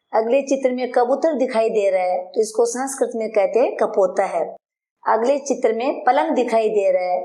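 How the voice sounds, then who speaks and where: A woman's voice: on the high side, warm tone. A woman teacher patiently explaining a school lesson word by word, spelling out terms and their meanings. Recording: roomy, echoey voice-over.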